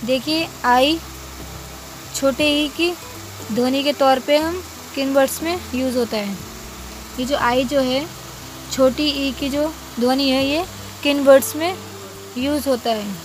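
A woman's voice: high voice, slow pace, pauses often, a little hiss or hum. A young woman teaching a phonics lesson to small children, spelling words out letter by letter and calling the pupils "beta".

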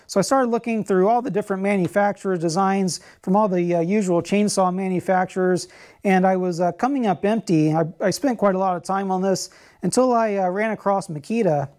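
In his workshop garage, a middle-aged channel host presents a how-to repair video, explaining things in a relaxed way with lots of "uh" and "um." He has a high voice and is recorded on a lapel mic.

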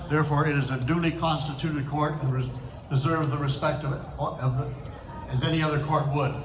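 A man's voice: fairly high pitch, fairly bright tone. Older man on an echoey outdoor PA. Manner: jokey, off-the-cuff. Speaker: ceremony clerk of the court. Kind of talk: informal ceremonial address to a crowd. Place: outdoor town square, over speakers. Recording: echoey, noisy outdoor public address.

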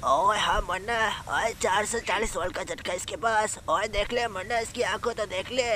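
A man's voice: high-pitched, normal speed, sharp tone. A man putting on a bossy, swaggering cartoon cat. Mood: boastful. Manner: brash, swaggering, calls everyone little one. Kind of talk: comic fan dub over gameplay.

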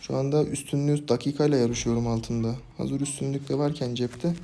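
A young man commentating his own gameplay for a video, swinging from calm play-by-play to frustrated outbursts at his teammates. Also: mid-range voice, a little fast. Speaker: gaming YouTuber.

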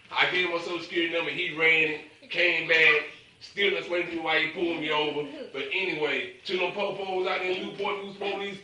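A man tells a comic story in a high, bright, cutting voice, bursting into loud lines as he acts out each voice. The sound is distant and very echoey, with a faint hiss behind it. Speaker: comedy vlogger telling a story. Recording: echoey room, mic at a distance, faint noise.

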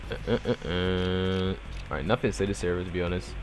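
This deep-voiced young man from Barbados talks a little fast with fairly even intonation, and a slight hiss or hum runs under the audio. Streaming a game live, he answers his chat in casual Bajan slang, laid-back and prone to trailing off in mumbled fillers.

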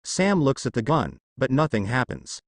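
A man's voice: mid-range voice, very animated, moderate pace, no room sound, studio quality. A man reading fanfiction aloud as a storyteller. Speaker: fanfiction narrator.

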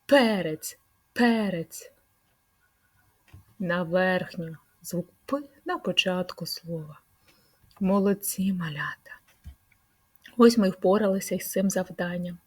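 A woman leading a speech-sound lesson for preschool children, stretching out words in a slow, sing-song way. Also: on the low side, darkish tone, slightly rough. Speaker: preschool teacher.

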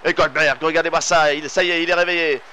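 Male game commentator with a French accent, energetic play-by-play, slightly high pitch. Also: fast talker, slight background noise. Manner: excitable, rising to shouts on big moves.

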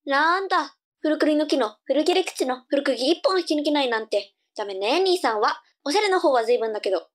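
A woman's voice: high-pitched, animated, fairly quick, hardly any pauses. A woman playing a cheeky young girl, a sassy little sister, with cute anime delivery in a tongue-twister audio drama. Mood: teasing.

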